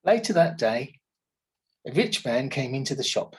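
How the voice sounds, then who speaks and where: With a husky, mid-range voice and an English accent, a male teacher gives an expressive reading of a children's story at a moderate pace. Afterward he quizzes his listeners on what they heard.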